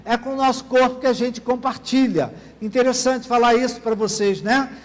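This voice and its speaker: A man's voice: very high voice, moderate pace. A man preaching a sermon as pastor, often asking the congregation for an amen. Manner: asks the congregation "Amém, querido?" often. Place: church. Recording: long church reverb.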